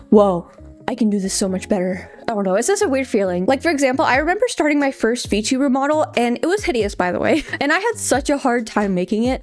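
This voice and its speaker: A woman narrating a voice-over tutorial about her own art, chatty and playful, laughing often. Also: high voice. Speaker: artist walking through her own work. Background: faint background music.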